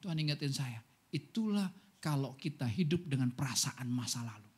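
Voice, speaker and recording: A man pastor giving a Sunday sermon, telling stories with animated energy and often turning to address the congregation. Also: mid-range voice, normal speed, slightly rough.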